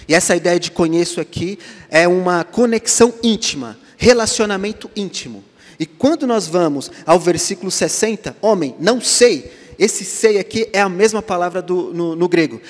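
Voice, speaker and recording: Preaching in the sanctuary, this Brazilian Portuguese-accented pastor performs the dialogue himself, moving from near-whispers up to loud, emphatic delivery. He has a high-pitched voice, and the church hall echoes around him.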